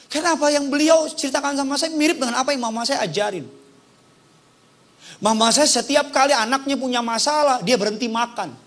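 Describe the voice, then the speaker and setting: Male pastor, church sermon, very high-pitched voice, impassioned, call-and-response, humorous. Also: brisk, fairly bright tone. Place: church service.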